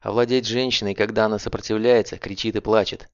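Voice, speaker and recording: A man with a gravelly voice voicing a vicious, frantic male captive in an audiobook, jeering and breathless, in a dull lo-fi recording. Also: fairly low pitch, a little fast. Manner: jeering, breathless, rising to shrieks.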